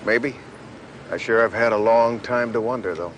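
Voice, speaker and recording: A man's voice: mid-range voice, normal speed, a little hiss or hum, natural voice. An actor playing a reformed cat burglar, a middle-aged man on parole who talks wryly and begs for help. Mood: wistful. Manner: wry, chuckling, then pleading. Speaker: ex-convict on parole.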